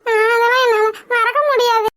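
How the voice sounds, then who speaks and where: A woman's voice: very high voice, flat delivery, fairly quick, a bit bright, dry recording, studio quality. A woman voicing cartoon comedy characters in casual, scheming chatter. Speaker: cartoon voice artist.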